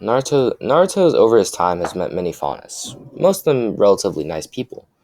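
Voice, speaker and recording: A young man with a deep, low voice makes up a fan story on the spot, very animated and a bit dark in tone. His delivery is halting, full of restarts and fillers. The recording is close and dry, without room echo.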